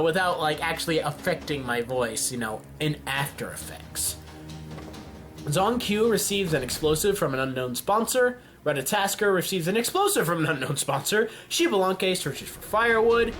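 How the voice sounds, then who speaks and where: A man giving casual, jokey commentary on a game simulation, often yelling at events and laughing. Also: on the high side. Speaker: YouTube gaming commentator.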